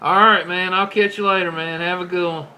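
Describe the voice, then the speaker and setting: Over a noticeably noisy CB rig, a man with a high voice talks fairly quickly in a steady tone. He's an American CB radio operator, chatting casually in down-home, colloquial CB lingo.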